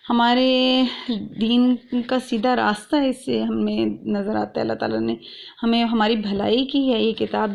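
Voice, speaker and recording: A woman's voice: a little high, gravelly. A woman teaching a Quran recitation lesson, who explains patiently, draws out letters and syllables, and mixes English words into her speech. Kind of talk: online lesson.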